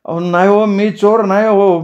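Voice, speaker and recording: A man's voice: sits high, unhurried, dark tone, voice pushed up. A man voicing a frightened young male schoolteacher who begs to be let go, in a dull lo-fi recording. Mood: pleading. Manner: pleading, frantic.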